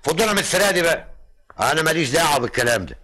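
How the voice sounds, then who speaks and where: A man's voice: a little high, sing-song, racing, pushed and bright, slightly rough, full character voice. An actor playing a blunt, stubborn Egyptian creditor demanding his money, in an Egyptian accent, radio drama. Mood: insistent. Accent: Egyptian Arabic. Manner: blunt, insistent.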